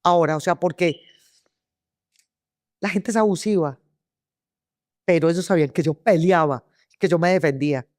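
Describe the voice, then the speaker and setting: A woman's voice: lowish voice, moderate pace, long pauses, a little mellow, no echo, studio quality. Colombian woman recounting vivid testimony. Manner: vivid storytelling with restarts and repeated words. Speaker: interview guest. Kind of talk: personal testimony in an interview.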